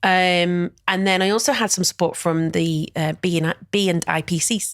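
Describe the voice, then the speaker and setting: A middle-aged woman who directs wellness events chats as a guest in a casual interview, warm-hearted and full of fillers and "you know." Her low voice has fairly even intonation and a moderate pace, recorded dry with clean studio sound.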